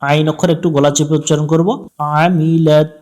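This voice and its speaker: A man with a Bangladeshi Bengali accent teaching Quran recitation step by step, switching between drawn-out melodic chanting of verses and plain spoken pointers on how to say them. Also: a little high, darkish tone. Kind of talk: slow step-by-step recitation lesson.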